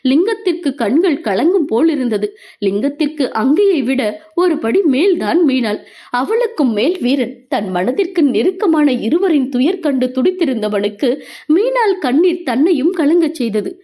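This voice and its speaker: A woman narrating a romance audio novel with expressive, emotional storytelling. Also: high-pitched, moderate pace.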